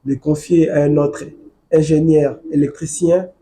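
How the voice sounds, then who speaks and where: A man's voice: a little high, fairly even intonation, measured pace, warm tone. A man from Congo, a legal researcher, lecturing in a studio political debate and insisting on finishing his point. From Democratic Republic of the Congo.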